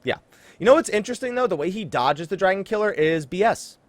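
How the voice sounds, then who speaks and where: High-pitched and fast-talking, this male podcast host runs a casual gaming show in a dry recording. He's animated and emphatic, addressing listeners directly to build hype.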